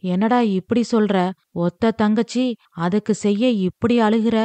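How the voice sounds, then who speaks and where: A woman's voice: mid-range voice, measured pace, dark tone, dry recording, lightly acted. A woman voicing an older widowed mother who scolds her son in a wounded, reproachful way. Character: older widowed mother demanding lavish gifts.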